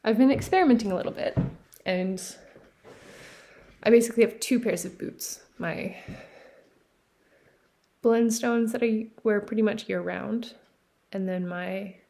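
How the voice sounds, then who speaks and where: Knitting vlogger from Newfoundland, Canada: casual show-and-tell, mid pitch, a little vocal fry, rambling and self-correcting. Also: female voice, a little slow, long pauses, mellow. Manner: chatty, rambling, with frequent fillers and self-corrections. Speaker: knitting podcast host. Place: cabin by the sea.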